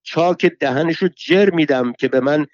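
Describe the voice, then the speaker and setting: A man doing a shrill, brawling old woman from a storybook, hurling curses in a raised, strained voice. The recording is dry and dull, with no room sound. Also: no echo, lightly acted. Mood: scolding. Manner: shouting insults, abusive, theatrical. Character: shrill foul-mouthed quarrelsome old pilgrim woman.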